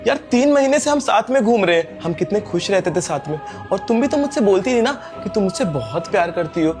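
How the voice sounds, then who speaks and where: A man's voice: high-pitched, big pitch swings, a little fast. Casting: man as humble young servant, earnest and pleading, faint music under. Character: poor young male servant pleading for love. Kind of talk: scripted skit acting.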